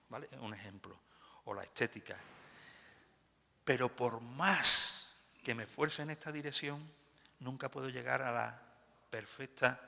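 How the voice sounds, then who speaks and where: A pastor from Spain preaching a sermon in an animated, emphatic way, full of rhetorical questions. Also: male voice, mid-range voice, gravelly. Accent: Spain Spanish. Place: church. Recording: long church reverb.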